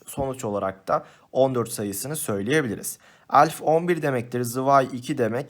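Male teacher, mid pitch, patient step-by-step exam walkthrough. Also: moderate pace. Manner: patient, step-by-step explaining, addresses students as friends. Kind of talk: exam-prep lesson walkthrough.

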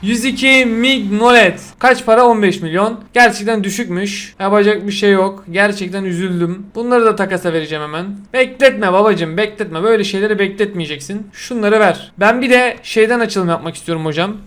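A man's voice: high-pitched, brisk, hardly any pauses, fairly bright tone. A young man giving casual commentary while opening packs in a mobile football game, cheering and groaning at the results.

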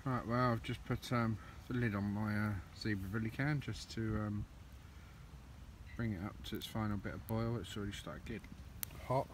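A man's voice: lowish voice, normal speed. A man, chatting casually through a woodland cooking and hiking vlog with lots of ums, filmed on a handheld phone outdoors. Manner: rambling, many ums, chatty. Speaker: outdoors vlogger. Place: woodland campsite and path outdoors. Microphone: phone camera held at arm's length. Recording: outdoor phone audio with clear background noise.

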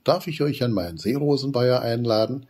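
Male reader as genteel old frog, formal and courteous, raised pitch, husky tone. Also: fairly quick, darkish tone, natural voice. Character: polite, old-fashioned elderly male frog. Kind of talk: storybook reading.

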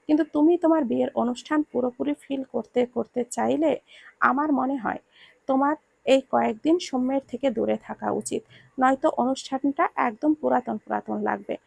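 A woman reading the lines of a calm, deadpan older brother-in-law who is quietly scheming, in a storybook reading. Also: high-pitched, normal speed, gravelly, slightly rough, no echo, full character voice. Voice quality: unbothered, dry delivery.

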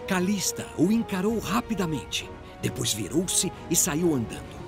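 A Brazilian-accented man narrates a dramatic fantasy tale at a measured pace, his fairly high voice ranging widely and animatedly. Music is clearly audible behind him.

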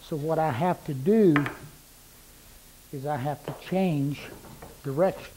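Working in a shop full of power saws, a middle-aged woodworking instructor demonstrates cuts, speaking slowly in a slightly high voice. He's plain-spoken and repeats points for emphasis, recorded on a lapel mic with background noise.

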